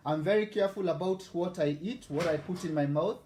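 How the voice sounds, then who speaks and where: A man's voice: sits high, a little fast, mellow, roomy sound, a little hiss or hum. A man in his forties with a Kenyan accent, hosting a casual live cooking vlog in a chatty, boastful way and greeting viewers by name. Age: 40s. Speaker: host.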